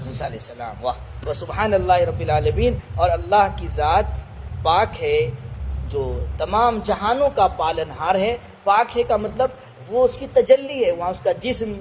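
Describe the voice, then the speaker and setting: A man from Bihar teaching a Quran commentary lesson. He recites verses slowly, then explains them in everyday speech and quizzes his listeners with questions. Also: high voice, darkish tone, slight background noise, rough recording. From Bihar, India.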